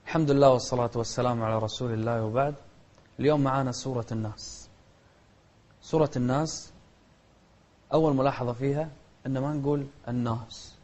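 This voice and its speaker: A man teaching Quran recitation rules. He gives brisk explanations and breaks them with slow, chanted examples. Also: mid-range voice, fairly even intonation, darkish tone. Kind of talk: tajweed lesson with demonstrated recitation.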